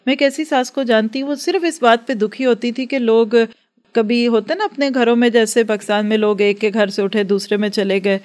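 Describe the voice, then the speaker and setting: A woman's voice: a little high, fairly even intonation, brisk, darkish tone. A woman giving an earnest religious lecture to a class, advising and acting out everyday dialogues. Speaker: religious teacher.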